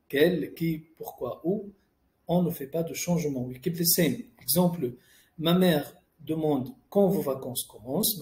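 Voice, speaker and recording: A man's voice: a little high, warm tone. A man teaching French grammar, explaining each rule in French and then in English and reading out example sentences. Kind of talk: classroom-style grammar lesson. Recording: echoey room.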